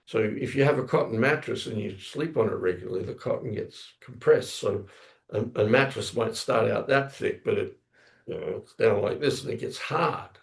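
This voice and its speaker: Indoors in a temple lounge, a man with a fairly low, creaky voice gives a scripture class at a moderate pace. His storytelling rambles, he corrects himself often, and he acts out sounds vocally.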